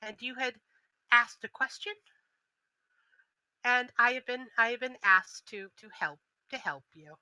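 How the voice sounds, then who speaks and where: A woman voicing a sly, condescending orc mage who serves a dark master in a tabletop game. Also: fairly high pitch, a little slow, long pauses, smooth, no echo, voice pushed up, low-quality recording. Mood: smug.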